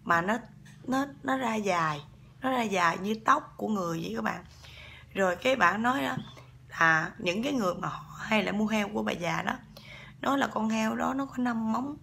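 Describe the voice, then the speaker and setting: Gravelly, bright Southern Vietnamese woman. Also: mid-range voice, expressive, moderate pace, slight background noise. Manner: chatty, keeps addressing the listeners. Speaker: storyteller. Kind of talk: casual ghost-story telling.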